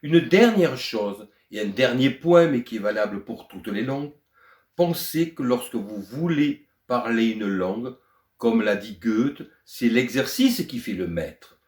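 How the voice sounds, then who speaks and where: An older man teaching French to foreign learners, speaking deliberately and clearly in a lesson. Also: mid-range voice, echoey room. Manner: deliberate, lively melodic teaching voice. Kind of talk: slow explanatory lesson to learners.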